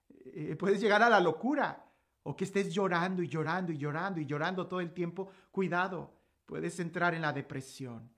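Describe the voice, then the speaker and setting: A woman giving a gospel reflection, asking repeated rhetorical questions and letting her voice swell and then fall soft. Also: lowish voice. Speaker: preacher.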